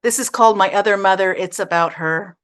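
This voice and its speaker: An older woman, the featured poet at a café open mic, reading her poems in a measured, deliberate way and drawing out certain phrases slowly. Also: medium pitch, fairly bright tone. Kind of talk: poetry reading.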